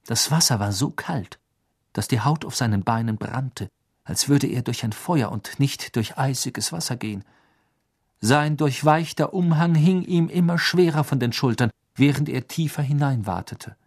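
A man with a mid-range, husky voice reads a novel aloud in a lively, storytelling manner. The recording is close and dry, with no room sound. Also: mid-range voice, normal speed, no room sound. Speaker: audiobook narrator. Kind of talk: scripted audiobook narration.

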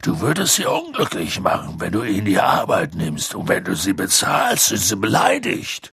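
A man voicing a huge, good-natured male half-giant gamekeeper in an audiobook, with a deep gruff voice and a slow, blunt, folksy drawl. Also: huge pitch swings, fairly bright tone, full character voice. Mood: stubborn. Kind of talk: audiobook character voice.

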